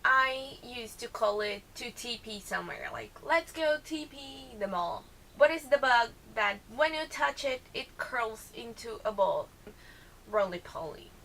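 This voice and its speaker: Slow, high-voiced Brazilian woman, bright tone. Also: expressive, a little hiss or hum. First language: Portuguese. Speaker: vlogger answering accent challenge questions. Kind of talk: casual chat, questions read out and answered.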